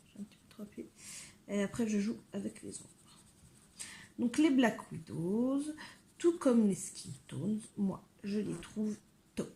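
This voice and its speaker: A woman's voice: medium pitch, darkish tone. A woman chatting casually as she colors, filling her talk with hesitations and asides. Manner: chatty, many fillers, talks to her cats. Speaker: coloring channel host. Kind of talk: casual coloring tutorial chat. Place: home room with window.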